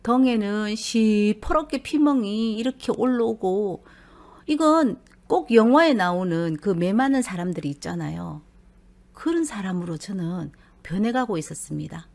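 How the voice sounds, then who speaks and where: A woman's voice: mid-range voice, measured pace, gravelly. A middle-aged woman, telling a personal story and acting out what her husband and brother said. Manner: animated, acts out husband and brother in dialect.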